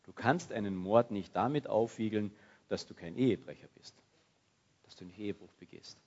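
A man preaching a sermon in a lively, conversational way. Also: lowish voice, moderate pace, dull audio. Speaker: pastor.

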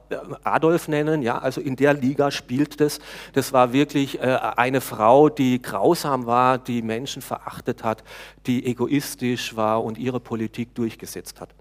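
A male preacher delivering a sermon with a relaxed, talking-to-the-congregation manner. He hesitates now and then, restarts a phrase, and puts questions to his listeners. His voice sits at an ordinary middle pitch for a man. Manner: conversational preaching, talks to the congregation, frequent hesitations.

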